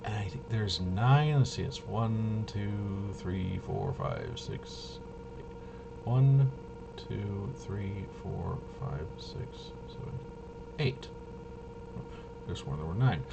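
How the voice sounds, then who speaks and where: Over loud music and clearly noisy room ambience, a man with a fairly low, sing-song voice speaks extremely slowly, pausing often. As a tabletop game reviewer and presenter, he walks through a game casually and without a script, rambling hesitantly, trailing off and correcting himself.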